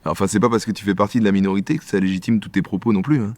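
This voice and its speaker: Male sketch comedian, low register, rapid-fire bickering delivery, dry close sound. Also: fairly even intonation, a little mellow, dry recording. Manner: quick, bickering back-and-forth between two characters.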